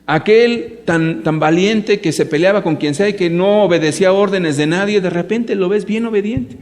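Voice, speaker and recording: A man's voice: sits high, normal speed, darkish tone. A man preaching to a live audience. He speaks emphatically, asks rhetorical questions and addresses his listeners directly. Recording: echoey hall reverb.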